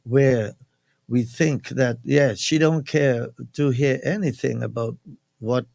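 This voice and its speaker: A man's voice: mid-range voice, slow, gravelly, a little mellow, no room sound. A man from Saint Kitts with a Kittitian accent, speaking emphatically and plainly as a guest in a radio interview. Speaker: guest, national security advisor. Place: radio studio.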